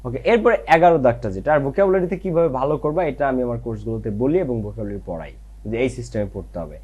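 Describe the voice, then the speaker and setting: A young man teaching an exam-prep lecture, reassuring students and checking in often with quick tag questions. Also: mid-range voice, lively intonation, darkish tone, breathy edge, dull audio.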